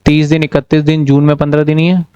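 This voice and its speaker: Male commerce tutor, slightly high voice, patient step-by-step explainer, dry close sound. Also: level tone, fast, mellow, clean tone, no echo, dull audio. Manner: explains step by step, checks with students often. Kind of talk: online class lecture.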